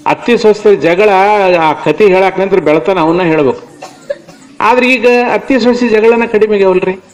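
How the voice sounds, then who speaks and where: A man's voice: high voice, low-quality recording. A man with a North Karnataka accent preaches a devotional sermon to a village audience. He speaks emphatically and keeps putting rhetorical questions to the crowd. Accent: North Karnataka Kannada. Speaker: religious discourse speaker.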